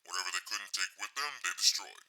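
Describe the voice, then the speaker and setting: A man's voice: sits low, sharp tone, smooth, heavily acted. A man playing a disguised whistleblower scientist. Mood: recounting. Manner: explanatory, technical, measured. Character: anonymous male space-agency whistleblower, precise and nervous. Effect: voice altered to hide identity. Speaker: scientist guest. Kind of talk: audio drama dialogue.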